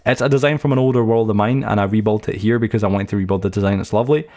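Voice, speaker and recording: A young man talks quickly through a let's-play tour of his game world. His voice sits low, and he rambles from story to story with plenty of fillers and restarts. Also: steady tone, a little mellow. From United Kingdom. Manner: chatty, anecdotal, many fillers and restarts. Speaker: gaming channel host.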